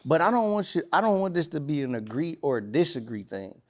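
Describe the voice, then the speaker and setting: A man's voice: a little high, very animated, brisk. Casual man rambling in a podcast chat. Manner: rambling, restarts often, emphatic when making a point. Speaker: podcast host. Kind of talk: casual studio conversation. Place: podcast studio.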